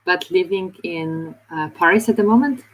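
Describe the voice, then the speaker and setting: Polish woman, low voice, bit of hiss behind. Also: normal speed, poor audio. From Poland.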